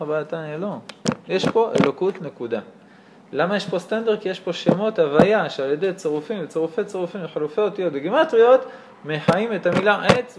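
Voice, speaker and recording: Male Torah teacher, high voice that swings widely, storytelling and rhetorical questions, faint noise behind. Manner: lively, asks rhetorical questions, tells stories. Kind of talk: animated religious lesson.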